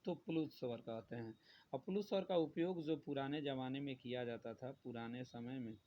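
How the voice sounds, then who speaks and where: Here a mid-range male voice moves at a moderate pace through a grammar lesson. He keeps repeating each point and asks the class questions only to answer them himself, all captured in dull lo-fi sound with faint noise.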